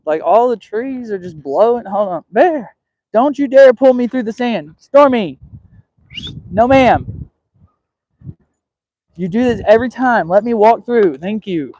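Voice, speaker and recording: High-voiced man vlogging on a windy walk. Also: animated, measured pace, pauses often, darkish tone, no room sound, rough recording. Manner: chatty, exclaims at the wind and scolds the dog. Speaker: livestream host. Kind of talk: casual live vlog while walking a dog. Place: outdoors on a windy trail. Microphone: mic with a wind cover, handheld while walking. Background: wind noise.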